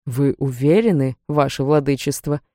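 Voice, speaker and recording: A woman voicing a formal, anxious older male rector who speaks in slow, measured words, read as an audiobook character. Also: very deep voice, mellow, dry recording, clean studio sound, pitched below the performer's own voice. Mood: worried.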